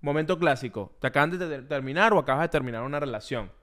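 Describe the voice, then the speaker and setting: High-voiced man telling stories. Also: fast. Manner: animated storyteller, slangy and self-mocking. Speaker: podcast co-host. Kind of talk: casual chat.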